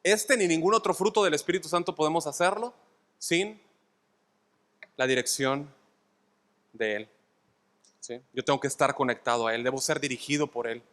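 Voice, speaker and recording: A man's voice: a little high, moderate pace, long pauses, fairly bright tone. A man with a Mexican accent, a pastor giving an expository sermon, often checking in with the congregation and repeating his points for emphasis. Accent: Mexican Spanish. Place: church sanctuary. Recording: long hall reverb.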